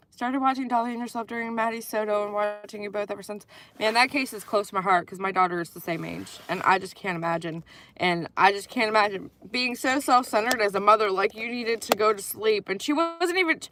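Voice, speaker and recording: A woman's voice: medium pitch, bright, forceful tone. A woman hosting a casual livestream commentary, rambling with lots of fillers and restarts, blunt and sometimes swearing. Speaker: channel host.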